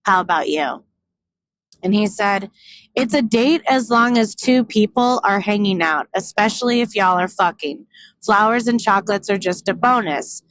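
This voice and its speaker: A woman's voice: mid-range voice, normal speed, fairly bright tone, poor audio. A young woman telling a casual vlog story, candid and profane, acting out both sides of a conversation. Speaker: vlogger. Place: in a car on a road trip.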